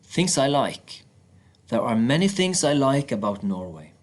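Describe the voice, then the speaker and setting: A man reading first-person passages aloud from a book in a steady, plain manner. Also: medium pitch, unhurried.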